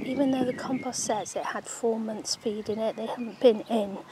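An allotment vlogger, off screen behind a handheld camera, chats casually as she tours her sunny outdoor allotment garden. Her fairly high voice holds a steady tone at a moderate pace, and she rambles with frequent ums over some background noise.

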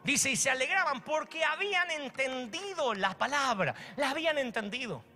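A pastor with an Argentine accent preaches with theatrical flair, slipping into quick acted exchanges to make his point. His voice sits high for a man, bright and forceful. The delivery is dramatic and animated throughout. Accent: Argentine Spanish. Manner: dramatic preacher acting out dialogues with shifting voices. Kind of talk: sermon.

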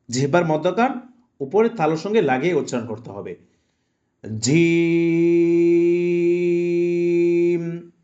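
A man teaching Quran recitation, slowly and deliberately drawing out each letter sound for his students to repeat. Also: fairly high pitch, a little mellow, lo-fi sound. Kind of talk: slow instructional lesson.

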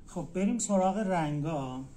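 A man teaching a language in a casual live stream, patiently repeating words slowly. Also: sits high, expressive, warm tone, a little hiss or hum.

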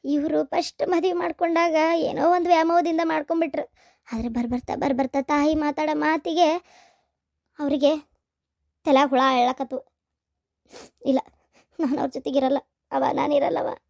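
A woman's voice: high voice, fairly even intonation, normal speed, vocal fry, pauses often, a little mellow, no room sound, clean studio sound. Woman voicing a tearful wronged young wife. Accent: North Karnataka Kannada. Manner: pleading and tearful. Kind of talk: cartoon voice acting.

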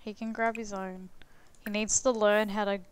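A woman's voice: medium pitch, little pitch movement, moderate pace, clear, resonant tone. A young woman, chatting blunt and crude as she plays a life-sim game, swearing and laughing freely. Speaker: gaming streamer. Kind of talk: casual gameplay commentary.

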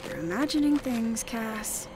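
A woman's voice: on the high side, animated, a little slow, very noisy. An actress playing a troubled, haunted young woman in a horror video game, brooding and muttering to herself. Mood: wary, muttering. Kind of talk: dramatic video game voice acting. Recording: loud game music behind voice.

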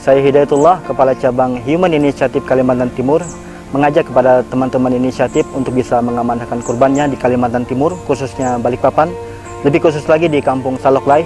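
A man's voice: mid-range voice, steady tone, fast talker. A man who heads a regional charity branch, speaking earnestly and formally in a village house. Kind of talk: formal appeal and discussion. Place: indoors in a small village house. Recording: loud music under the voice.

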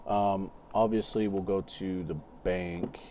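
A man's voice: low voice, steady tone, slow pace, dark tone, a little hiss or hum. A man casually narrating his gameplay as a streamer, rambling and swearing freely while sorting through his gear. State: has the hiccups. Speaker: gaming streamer.

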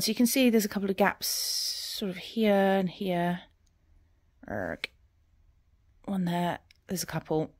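A woman in her forties giving a casual, rambling progress update on her stitching at home, often trailing off into quiet murmurs as she counts. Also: on the low side, no room sound, studio quality. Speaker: cross-stitch vlogger.

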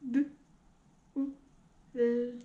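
A woman's voice: on the high side, flat delivery, dark tone, lo-fi sound. A woman teacher using a half robot voice, sounding out words one clipped sound at a time for children. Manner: slow, clipped, evenly spaced sounds. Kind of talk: phonics lesson for young children.

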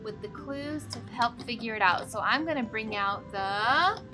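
A woman in her thirties with a fairly high voice teaches young children as a show host. She explains things in an encouraging way, with faint music behind her. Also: moderate pace. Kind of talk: children's educational presenting. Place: small room indoors.

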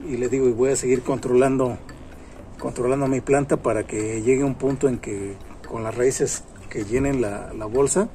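A man's voice: mid-range voice, steady tone, moderate pace, warm tone, slight background noise. A man in his thirties hosting a casual gardening tutorial outdoors in a garden, chatty and repetitive, with many fillers as he talks to the camera. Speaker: gardening channel host. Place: outdoor garden among plants.

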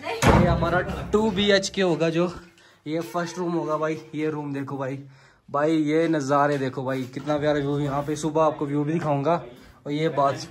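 A young man hosting a casual vlog, showing a rental property and calling his viewers "bhai". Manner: calls viewers "bhai", pitch jumps high when pleading. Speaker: vlogger. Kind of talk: casual vlog tour and argument.

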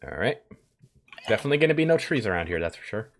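Relaxed low-voiced young man cracking dry jokes. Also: fast, slight background noise. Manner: dry joking asides, relaxed. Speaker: co-player, host's brother. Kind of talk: casual gaming chat.

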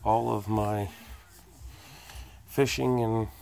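Extremely slow and level, a man's fairly low, creaky, darkish voice narrates a walkthrough of his cluttered indoor home fishing workshop, with a little hiss or hum in the audio. Holding the phone camera himself, he lists things plainly and matter-of-factly, with hesitant fillers.

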